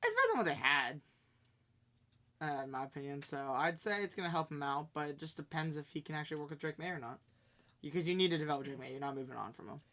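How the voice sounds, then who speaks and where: A man co-hosting a sports podcast, giving brief, plain opinions in a low-key casual chat. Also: very animated, fast, pushed and bright.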